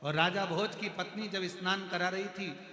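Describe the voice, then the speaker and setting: A man's voice: sits high, fairly even intonation, moderate pace, bright, forceful tone. A man telling a devotional story sermon, emphatic, stacking repeated words and titles. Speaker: religious storyteller. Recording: echoey hall with faint music.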